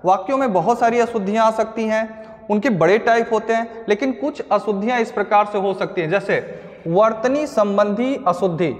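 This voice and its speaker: A man's voice: high voice, long reverb tail. A man teaching an exam-prep grammar lesson, explaining step by step with worked examples and speaking to viewers as friends.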